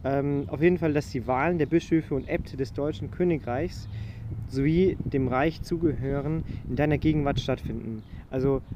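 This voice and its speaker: Hesitant young man, mellow voice. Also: mid-range voice, moderate pace, a little hiss or hum. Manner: hesitant, many fillers and restarts. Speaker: student discussing a historical document. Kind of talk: casual study discussion.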